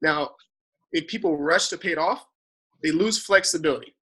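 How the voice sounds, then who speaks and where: A man's voice: fairly high pitch, moderate pace, husky. A man working as a financial advisor, explaining money matters in a casual conversation and often checking in with "right?". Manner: animated, talks in long explanatory runs with frequent "right?" tag questions.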